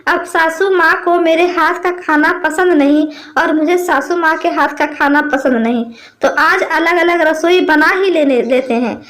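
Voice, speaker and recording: A woman's voice: very high voice, a little slow, a bit bright. A woman voicing a proud, defiant modern daughter-in-law in a storybook tale. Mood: pointed. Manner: defiant, indignant.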